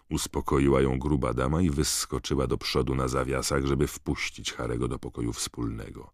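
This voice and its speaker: A man narrating an audiobook in a measured, dramatic storytelling manner. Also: a bass voice, no room sound, studio quality. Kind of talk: scripted narration.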